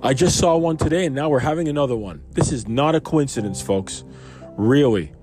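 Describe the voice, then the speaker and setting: A man's voice: mid-range voice, fairly quick, music in the background. A man from Canada reading a Bible passage aloud and commenting on it in a loose, conversational way, with asides and questions to his listeners. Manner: reads scripture aloud then riffs on it conversationally, with asides and questions.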